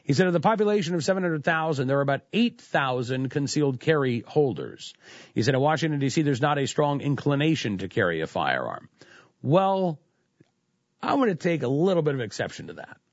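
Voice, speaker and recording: A man's voice: on the high side, sing-song, brisk, dry recording, dull audio. A man hosting political talk radio, commenting in a sarcastic, conversational way with frequent restarts. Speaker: radio talk show host.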